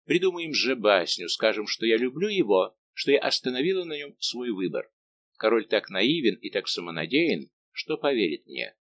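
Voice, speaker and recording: A man's voice: on the low side, sing-song, moderate pace, fairly bright tone, dull audio. A man reading as a bitter, mocking young king. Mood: cold. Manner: cold, sarcastic.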